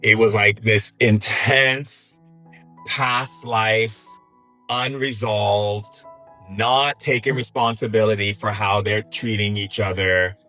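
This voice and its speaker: A man hosting a live spiritual coaching session in a conversational way, often checking in with a quick "right?". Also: lowish voice, fairly even intonation, sharp tone, soft background music, low-quality recording. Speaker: host, spiritual healer.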